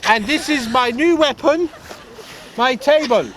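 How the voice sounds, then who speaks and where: In an improvised comedy sketch on a snowy slope, a man plays a giggly, boastful Norwegian would-be tobogganist, earnest and bragging in broken English with a put-on foreign accent. His voice is very high and fairly bright at a measured pace, and the outdoor recording is noisy with nearby traffic.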